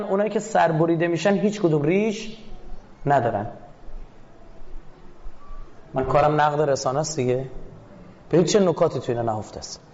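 A man with a slightly high, darkish voice, captured with lo-fi sound, lectures as a media critic analysing a film clip. He keeps posing questions to his audience and then answering them himself.

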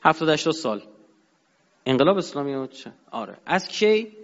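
A man giving an emphatic religious and political lecture to an audience, his voice jumping up and dropping low. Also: very animated. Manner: emphatic, rising and dropping sharply. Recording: dull sound in a long-reverb hall.

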